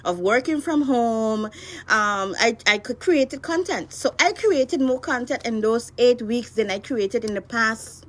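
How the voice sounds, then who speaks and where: A woman in her thirties, a blogger guest on a radio show in the studio, chatty and animated, laughing often. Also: on the high side, unhurried. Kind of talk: conversational radio interview.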